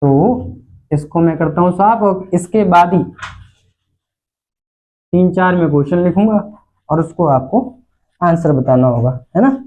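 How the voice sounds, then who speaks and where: A man's voice: sits high, a little slow, pauses often, darkish tone. A man teaches Sanskrit words in a classroom lecture. He repeats each term, then asks and answers his own questions. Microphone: recorded lesson video.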